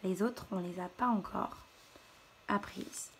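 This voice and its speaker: A woman's voice: mid-range voice, husky. A woman teacher giving a patient, step-by-step handwriting lesson to young children. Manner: slow, patient step-by-step instruction.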